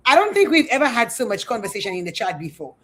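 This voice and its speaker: A woman hosting a talk show, interviewing a guest with effusive praise and slow, deliberate questions. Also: fairly high pitch, very animated, a bit bright.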